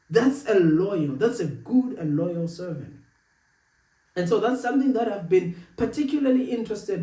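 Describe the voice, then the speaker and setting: High-voiced man giving an earnest motivational talk, echoey. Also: dark tone. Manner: earnest, emphatic, repeating phrases for effect. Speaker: motivational speaker. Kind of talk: motivational talk with sermon-like teaching. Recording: roomy echo, distant from the mic.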